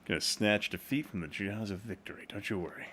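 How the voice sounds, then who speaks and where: A man live-streaming a game, reacting excitably to each play, laughing often and chatting with viewers. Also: on the low side, fairly quick, slight background noise. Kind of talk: casual gaming live stream chat.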